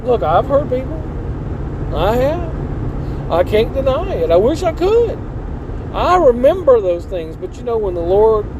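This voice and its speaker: A man's voice: extremely high pitch, big pitch swings, unhurried. A man giving a casual, earnest, preachy vlog monologue in a folksy, colloquial way. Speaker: channel host. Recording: clear vehicle and outdoor noise.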